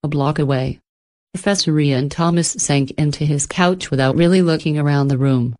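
Reading a scripted horror tale, the narrator uses a low voice and a steady, measured pace. Each line comes out clearly phrased.

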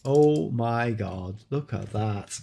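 A man's voice: mid-range voice, animated, takes it slowly, gravelly, mellow. A man hosting an enthusiastic gameplay showcase, exclaiming often as he shows off new creatures. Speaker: game showcase host. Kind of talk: excited gameplay commentary.

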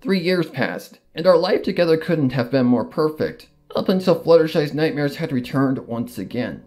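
A fan fiction narrator, a man with a slightly high, mellow voice, reads a scripted first-person story as dramatic narration. He speaks at a normal speed with an animated delivery. Guitar and plucked string music plays behind him.

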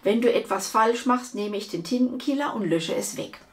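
A woman voicing a cheeky male ink monster from a children's storybook, croaky and giggly, pitched above her reading voice. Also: animated, normal speed, close to an everyday voice. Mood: gleeful.

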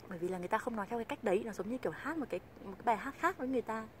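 A woman from Vietnam teaching English pronunciation in a video lesson, patiently explaining and slowly modeling example sentences. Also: a little high, lively intonation, a little hiss or hum, poor audio. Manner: patient, repeats example phrases slowly and clearly.

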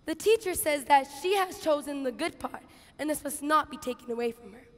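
Young woman acting flustered, high-pitched Martha, theatrically exaggerated. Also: lively intonation, brisk. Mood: indignant, baffled. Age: teens to young adult. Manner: exaggerated, theatrical intonation, swinging from hushed asides to shouts. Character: flustered, bossy Martha, harried biblical kitchen hostess, exasperated with sister. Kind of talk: dramatic monologue, expressive stage reading. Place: stage in a large auditorium with audience. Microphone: headset. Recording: reverberant large hall, headset mic.

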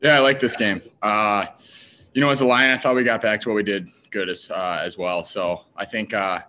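A man's voice: lowish voice, fairly even intonation, normal speed, pushed and bright, slight background noise. A young man, a hockey player, answering post-game questions in a team media room, speaking plainly with many fillers into a desk mic. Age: young adult. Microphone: desk mic in front.

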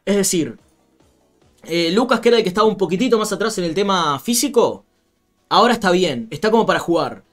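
Young Rioplatense-accented male streamer, loose chatty delivery, slightly high pitch, faint music bed. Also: expressive, a little fast, a bit bright. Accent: Rioplatense Spanish. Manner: chatty, laughs often, reads out viewer comments. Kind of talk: casual live-stream football chat.

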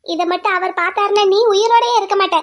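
Woman doing a captive cartoon wife, super high squeaky voice, calm and stubborn. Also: fast. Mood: pleading. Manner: calm, pleading then lecturing at length. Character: young wife held captive, defiant and steady. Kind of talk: cartoon drama voice acting.

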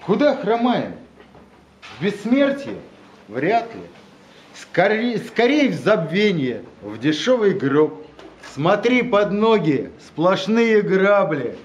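A man in his thirties declaims poetry dramatically, with an emphatic, drawn-out, rhythmic delivery, recorded in a room. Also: high-pitched, big pitch swings. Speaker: poet reading own verse. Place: gallery room with seated guests at tables. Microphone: handheld camera nearby. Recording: muffled, noisy, echoey room recording.

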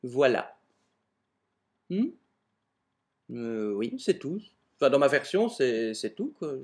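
A man's voice: mid-range voice, very animated, takes it slowly, darkish tone. A man telling a comic version of a fairy tale at home, recorded on a webcam in front of a door, with mock-exasperated asides. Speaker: amateur video maker telling a fairy tale. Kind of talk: comic storytelling.

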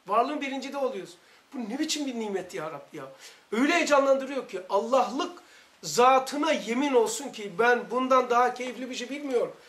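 A man's voice: extremely high pitch, expressive, fairly quick, a bit bright. A man with a Turkish accent leading a religious study circle, talking with fervent, emphatic storytelling. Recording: echoey room recording.

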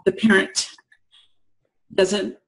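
A woman's voice: medium pitch, little pitch movement, extremely slow, low-quality recording. A woman in her sixties hosting an interview over a video call, encouraging and affirming toward her guest. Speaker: interview host. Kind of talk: supportive interview conversation. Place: indoors, home room. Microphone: video call webcam.

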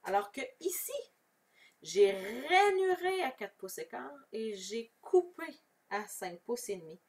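Chatty Québécoise craft demonstrator, lively. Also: female voice, on the high side, takes it slowly. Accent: Québécois French. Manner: chatty, explains step by step, answers viewers. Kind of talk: casual live craft tutorial. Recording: voice somewhat far from the mic.

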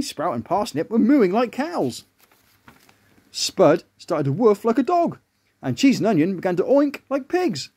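A man reading a children's story aloud in a lively, animated way. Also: sits high, husky.

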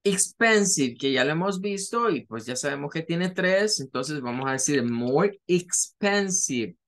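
A man teaching an English lesson, explaining patiently step by step and repeating words slowly to show their pronunciation. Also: fairly high pitch, animated, a bit bright. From Latin America. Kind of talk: recorded online lesson.

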